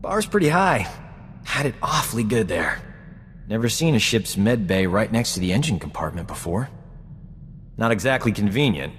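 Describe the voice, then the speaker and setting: Sing-song and fairly bright, this low-voiced male space doctor talks at a moderate pace in a self-important, brisk mood. The flirtatious, cocky companion from a video game trades smug banter, with long hall reverb, game music beneath, and slight background noise.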